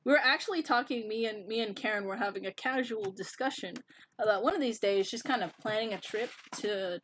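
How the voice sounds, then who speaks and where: A woman's voice: medium pitch, slight background noise. A woman chatting playfully on a voice call, giggling and joking. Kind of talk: casual chat.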